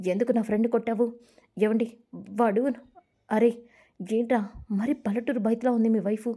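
A woman plays an indignant young man at a party in a spoken story. He sounds mocking and aggrieved, in a mellow voice. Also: on the high side, fairly even intonation, normal speed.

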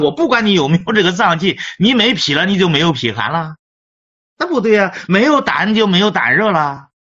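Man, middle-aged, lecture storytelling, high husky voice, dull lo-fi sound. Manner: lively, repeats and restarts words. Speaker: Chinese medicine teacher. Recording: dull lo-fi recording.

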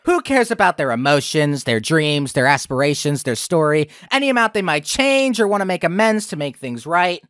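A man's voice: fairly high pitch, very animated, normal speed, hardly any pauses, a bit bright, smooth, dry recording, studio quality. Sarcastic young man ranting in a review. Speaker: video critic host.

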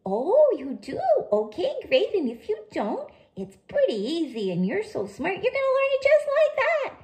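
A very high, bouncy puppet friend chatters to little kids, as a woman puts the voice on. The voice swoops all over with delight, gushing and sing-song, straight out of a children's puppet show. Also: huge pitch swings, normal speed, darkish tone, full character voice. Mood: excited. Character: cheerful, excitable puppet friend.

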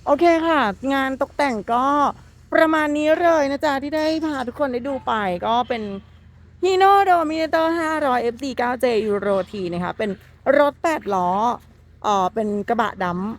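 A woman's voice: high-pitched, animated, unhurried. A woman presenting a walkaround of a customized truck at a workshop. She talks in a chatty, enthusiastic, polite way. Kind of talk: walkaround vehicle showcase.

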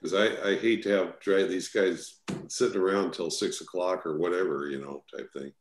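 A man with a low voice chairs a city committee meeting in a roomy council chamber. He talks informally and pauses often on fillers as he runs through votes and questions. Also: steady tone.

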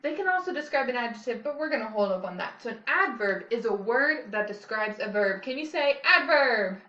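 A young woman teaching children a grammar lesson, slow and clear, cheerful as she leads a sing-along dance chant. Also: on the high side, lively intonation, sharp tone, echoey room, muffled recording.

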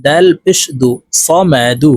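A man's voice: a little high, takes it slowly, a little mellow, no room sound. A man teaching Quran recitation, spelling out letters and vowel marks one by one in a patient, instructive way. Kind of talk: spoken tutorial lesson.

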